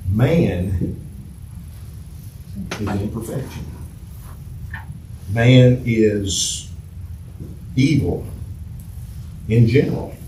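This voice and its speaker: A man's voice: fairly low pitch, darkish tone. Guy teaching bible class, sounds far from the mic, roomy echo, lots of restarts. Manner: conversational, repeats words and restarts, asks the class questions. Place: church classroom. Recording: echoey room from far off, faint noise.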